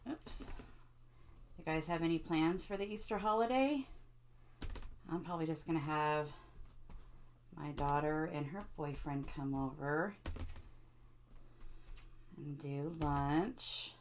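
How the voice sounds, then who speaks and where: A middle-aged woman talks her viewers through a craft project at a leisurely pace. Her voice sits slightly low, and she keeps tossing friendly questions to the audience. A faint hiss of noise runs under the recording. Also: slow pace, pauses often. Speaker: craft video host. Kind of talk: casual crafting tutorial.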